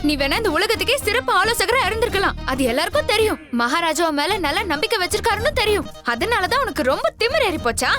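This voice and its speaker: A mother in a TV serial who fusses over her son and then scolds him. Her voice is very high and lively, and clear music plays underneath. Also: quick pace, few pauses. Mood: scolding. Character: doting, scolding mother of the hero. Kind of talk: TV serial acting.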